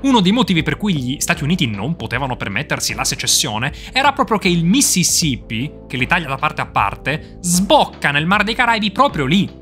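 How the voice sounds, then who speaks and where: A history video narrator giving a sarcastic, emphatic scripted narration with sudden mocking jumps in pitch. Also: very animated, brisk, few pauses, fairly bright tone, faint music behind.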